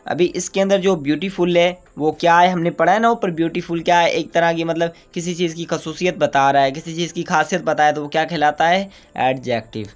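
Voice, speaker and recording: A man in a grammar lesson with an Urdu-influenced accent, explaining step by step and often asking and then answering his own questions. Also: on the high side. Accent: Urdu-influenced Hindustani. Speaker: grammar teacher.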